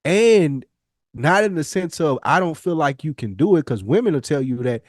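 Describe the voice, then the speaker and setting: Speaking on the high side with expressive delivery at a moderate pace, this American podcast host talks with his co-host in a casual, reflective way. He rambles earnestly and emphatically, dropping slang and curses, and the studio sound is clean with no echo.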